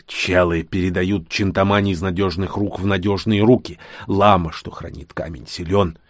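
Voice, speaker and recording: Мужчина, читающий аудиокнигу, озвучивает осторожного молодого хвана, говорящего коротко и упрямо. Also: male voice, low voice, fairly even intonation, normal speed, no room sound, clean studio sound, close to an everyday voice. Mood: grim. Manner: terse, stubborn. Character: cautious young male khan, grim and blunt.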